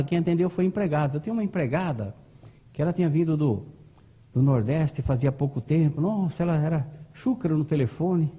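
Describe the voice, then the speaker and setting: A middle-aged man from Brazil telling a dramatic personal story at a lecture, in an animated way. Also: fairly high pitch, husky. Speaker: speaker at a spiritist lecture. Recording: long hall reverb.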